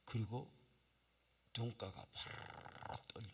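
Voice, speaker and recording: A middle-aged male pastor preaching in a church, telling his story with bright, forceful energy. His voice is a little husky, and he jumps between a hushed, acted-out prayer and sudden loud shouts. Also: lowish voice, slow pace. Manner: animated storytelling, acts out quoted voices, bursts into loud cries. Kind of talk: revival sermon storytelling. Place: church sanctuary.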